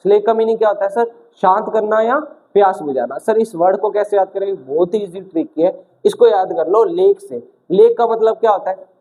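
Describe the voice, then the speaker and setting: A young man teaching exam vocabulary in a lively classroom style, asking questions and answering them himself and acting out little stories. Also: high voice, fairly quick, low-quality recording. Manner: acts out little stories with shouted quotes. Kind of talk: energetic classroom-style video lesson.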